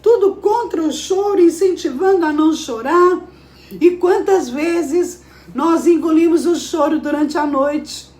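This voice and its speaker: A woman's voice: high-pitched, a little mellow, roomy sound. A woman giving a devotional sermon, emphatic and full of rhetorical questions to her listeners. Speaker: preacher. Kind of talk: devotional preaching.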